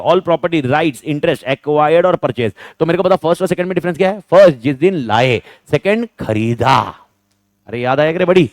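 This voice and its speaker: A man teaching an exam revision class. He drills students in rapid question-and-answer bursts and hammers key points home by repeating them. His voice sits a little high and sounds close and dry. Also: a little mellow, dry recording.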